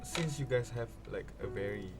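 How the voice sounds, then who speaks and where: A man's voice: medium pitch, normal speed, over loud music. A young man with a Malaysian accent, hosting a casual podcast and asking curious questions. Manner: curious, asks probing questions. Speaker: podcast host. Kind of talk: casual chat.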